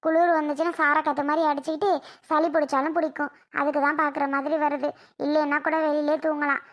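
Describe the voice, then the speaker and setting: A woman voicing a soft-hearted village mother and aunt who coaxes the children, in a cartoon. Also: high voice, level tone, fast, close to an everyday voice. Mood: coaxing. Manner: coaxing, soothing. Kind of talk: cartoon voice acting.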